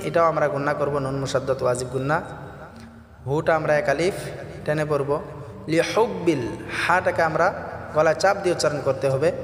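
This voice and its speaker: A man teaching Quran recitation, chanting verses slowly and then explaining the pronunciation rules in a brisk spoken voice. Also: on the high side, a little hiss or hum. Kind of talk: tajweed lesson, slow chanted recitation alternating with quick spoken explanation. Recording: echoey reverberant room with faint background music.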